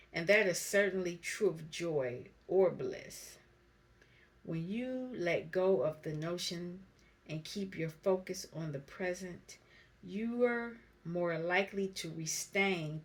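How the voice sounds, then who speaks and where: A woman with a low voice gives a spiritual card reading straight to her camera. She talks slowly and reflectively and reads each card's meaning aloud in an even, gentle flow. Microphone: camera mic.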